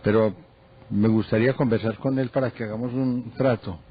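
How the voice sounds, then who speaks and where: A man's voice: mid-range voice, fairly even intonation, normal speed, slightly rough. A man co-hosting a TV show, cutting in with jokes in casual banter. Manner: joking interjections. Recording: dull broadcast audio.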